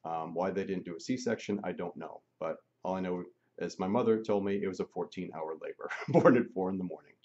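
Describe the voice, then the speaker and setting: A man's voice: deep voice, fairly quick, darkish tone, lo-fi sound. A man telling a personal story in a casual, chatty way, with frequent ums and laughs. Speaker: channel host.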